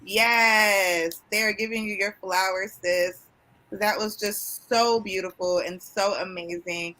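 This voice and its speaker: A woman's voice: mid-range voice, steady tone, slow pace, bright, forceful tone, rough recording. A woman hosting a live stream, effusive and emotional, chatting casually with viewers. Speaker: host.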